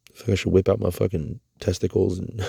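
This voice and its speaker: A man venting in a rambling, swear-heavy confessional vlog. His voice has a dark, mellow timbre that rises sharply when he is upset. The recording is close and dry. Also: gravelly, slightly rough, no room sound. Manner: rambling, profane and agitated; voice climbs high when upset.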